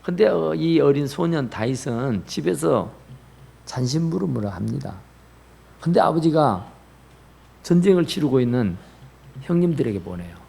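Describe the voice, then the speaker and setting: A man's voice: a little high, expressive, moderate pace, vocal fry, long pauses, mellow, husky. A man preaching a sermon as pastor in a church, rising in bursts and dropping to near whispers. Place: church sanctuary.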